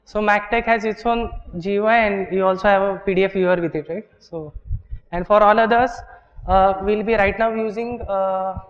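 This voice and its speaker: Indian man, instructor, high voice, hall reverb, dull recording, steps through explanations, checks with "okay". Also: steady tone, moderate pace, vocal fry. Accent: Indian English. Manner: explains step by step, often checks with "okay" and "right". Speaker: workshop instructor. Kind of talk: live classroom teaching. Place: large lecture hall.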